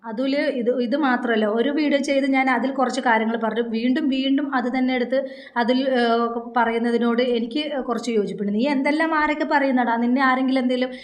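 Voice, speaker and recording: A woman speaks quickly into her phone in a rapid, pressing rush, her voice sitting a little on the high side. She scolds a rival vlogger directly, firing off rhetorical questions. The room around her rings with echo. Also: fairly even intonation. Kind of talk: confrontational direct-to-camera rebuttal. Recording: echoey room.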